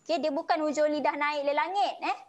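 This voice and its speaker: A woman with a Malaysian Malay accent teaching Quran recitation online, explaining each sound patiently and slowly chanting the verses. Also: high voice, fairly even intonation. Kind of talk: online tajwid lesson.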